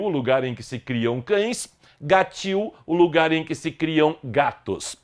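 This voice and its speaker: An older man teaching a Portuguese grammar lesson, slowly repeating example words one by one in a deliberate way. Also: on the high side.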